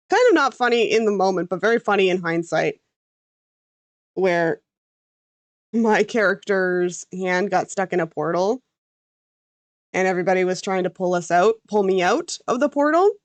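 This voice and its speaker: A Canadian woman with a lowish voice talks at a normal speed, chatting casually as she draws on a livestream. She's a VTuber artist who thinks aloud and lets sentences trail off. The recording has no echo.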